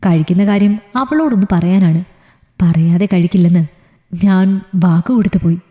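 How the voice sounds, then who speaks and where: A woman's voice: lowish voice, normal speed, mellow, lightly acted. A woman storyteller voicing a young man who pleads and jokes with his fiancée, in a reverberant room. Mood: pleading. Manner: pleading, joking. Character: young man, loving and gently teasing fiancé.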